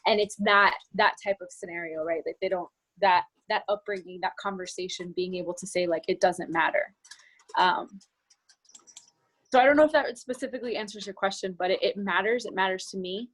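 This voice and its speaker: A business coach from the New Jersey area in the United States talks as a guest in a video call group discussion. Her mid-range, slightly bright voice moves fairly quickly; she's earnest, talks at length, and restarts a lot. The recording is rough.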